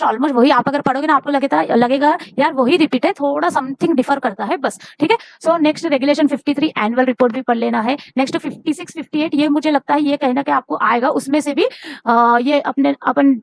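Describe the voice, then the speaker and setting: High-voiced woman tutor giving urgent exam tips. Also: a little fast, dry recording. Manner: urgent, repeats herself, mixes Hindi and English.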